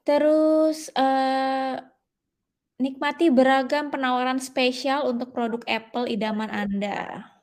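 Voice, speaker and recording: A woman's voice: high voice, fairly even intonation, slow pace, a little mellow. A woman in a live online class, reading out ad ideas hesitantly with fillers.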